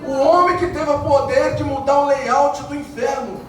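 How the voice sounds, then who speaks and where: A Brazilian man preaching an evangelical sermon, building to shouted, sung climaxes. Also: very high-pitched, fairly even intonation, normal speed, recorded from a distance, a little hiss or hum. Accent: Brazilian Portuguese. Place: church. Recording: echoey church hall heard from afar, music behind.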